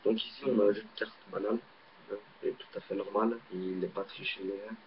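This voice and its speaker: Belgian guy showing a card trick, lowish voice, umms a lot, muffled webcam sound. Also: little pitch movement, a little fast. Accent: Belgian French. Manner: hesitant, rambling, many fillers. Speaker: amateur magician. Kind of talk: casual card-trick demonstration. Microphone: laptop webcam mic. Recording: dull lo-fi webcam audio, faint hiss.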